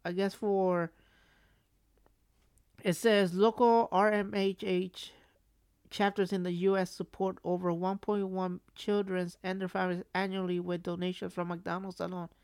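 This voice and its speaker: Rambling woman podcaster with a lowish voice. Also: smooth. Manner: rambling, circling back and repeating phrases. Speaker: podcast host. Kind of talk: casual solo storytelling.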